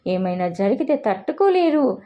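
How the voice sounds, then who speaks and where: A woman's voice: on the high side, sing-song, moderate pace, voice pushed up. A woman voicing a worried mother who firmly restrains her daughter, in a storybook reading with slightly dull audio. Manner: firm, restraining.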